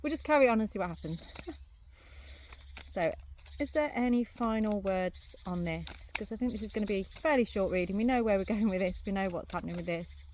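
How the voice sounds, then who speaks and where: A woman reading runes and tarot cards, thinking aloud in a casual, musing way with many pauses and fillers, chewing gum as she talks. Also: mid-range voice, lively intonation, a little mellow, a little hiss or hum. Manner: chewing gum while talking. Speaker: rune and tarot reader. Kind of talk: casual card reading to camera. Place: outdoors on a sunny day, crickets behind.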